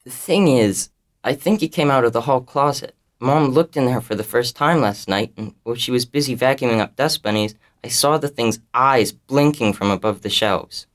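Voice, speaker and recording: A woman reading a storybook, voicing a nervous, hushed young neighbor boy. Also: rumbling low, normal speed, voice pushed down.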